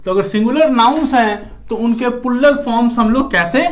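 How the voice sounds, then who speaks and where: Indian male english teacher, high voice, mixes hindi and english, says "right" a lot. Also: moderate pace. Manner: mixes Hindi and English, keeps asking "right" and calling viewers friends. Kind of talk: classroom grammar lecture.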